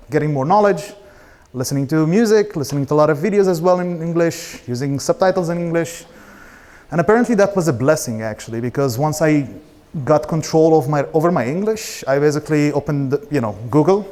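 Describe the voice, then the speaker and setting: A startup founder in his thirties, an Arabic speaker from Israel, gives an informal personal talk that is casual, blunt, and full of swearing. His voice is a little high and somewhat mellow.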